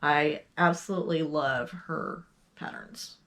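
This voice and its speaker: Slow-talking chatty woman from Texas. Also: sits low, a bit bright. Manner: slow, chatty, trailing off with ums. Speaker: podcast co-host. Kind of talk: casual knitting podcast chat.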